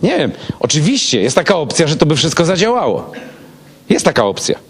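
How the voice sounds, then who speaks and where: A man, a pastor, telling a personal story in a casual, animated way and acting out both sides of the dialogue. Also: fairly high pitch, a little fast, a little hiss or hum.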